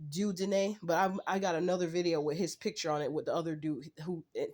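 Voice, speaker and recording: A woman's voice: low voice, a little mellow. A woman ranting to her vlog audience in a profane, heated, blunt way. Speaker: channel host. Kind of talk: angry personal rant vlog.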